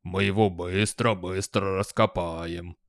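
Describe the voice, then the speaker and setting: A man voicing a huge, good-natured male troll who is proud of his manners, speaking in a slow, booming drawl. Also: steady tone, dry recording, clean studio sound. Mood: booming, friendly. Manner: slow, booming, drawn-out speech. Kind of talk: audiobook character voice.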